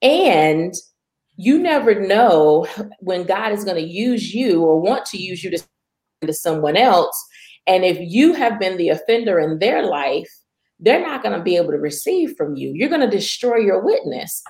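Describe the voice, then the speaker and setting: A woman's voice: on the low side, a little slow. Earnest storytelling woman in a roomy space. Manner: earnest testimony with animated retelling. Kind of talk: conversational faith talk with storytelling.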